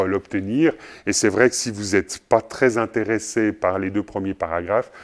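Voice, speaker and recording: A man teaching journalism in a recorded lecture, speaking in a measured way with frequent pauses and fillers. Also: on the low side. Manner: measured, often pausing with fillers. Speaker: journalism trainer.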